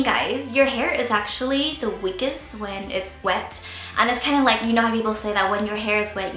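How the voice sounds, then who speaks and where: Talking casually to camera in an echoey room, a woman in her thirties from Northern Ireland jokes and stumbles over words as a beauty vlogger. She has a Northern Irish accent and a high-leaning, bright, forceful voice.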